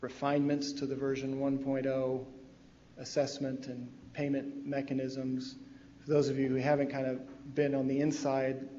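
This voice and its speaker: A man leads a meeting and walks through a timeline in a steady, explanatory way. His voice is mellow and dark, with little rise and fall. The sound is dull and carries a long room reverb. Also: mid-range voice, normal speed. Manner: steady, explanatory, many fillers. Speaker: meeting presenter. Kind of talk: public meeting presentation. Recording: dull, faintly noisy, long hall reverb.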